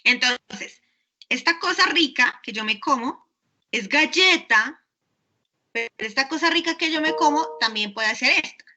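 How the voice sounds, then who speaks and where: A woman's voice: high-pitched, lively intonation, normal speed, bright, forceful tone. A woman giving an online university class. She explains patiently and keeps checking in with her students. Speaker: university lecturer.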